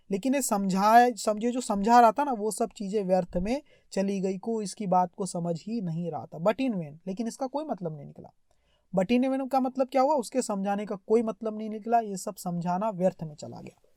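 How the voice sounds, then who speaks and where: A woman's voice: medium pitch, warm tone, no room sound, studio quality. A woman teaching English. She reads a story in English and explains each phrase in Hindi, often asking questions back to her students.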